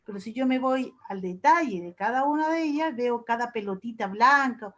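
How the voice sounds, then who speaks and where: Lady prof teaching online, pretty high voice, chatty and homey with it. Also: animated, normal speed, highs cut off. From Chile. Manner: chatty, explains with homely comparisons and diminutives. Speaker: university professor. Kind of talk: online workshop lecture.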